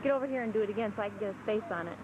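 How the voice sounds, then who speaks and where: A woman operating the camera for a home video talks playfully and coaxingly to a baby in casual chatter. Her mid-range voice races along, captured by the camcorder's built-in mic on an old tape with lo-fi sound and background noise.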